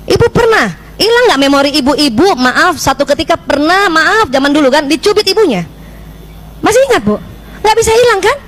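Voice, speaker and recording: A middle-aged Indonesian woman with a very high voice gives a lively parenting talk to mothers, heard on a low-quality recording. She often questions the audience and acts out how she scolds a child.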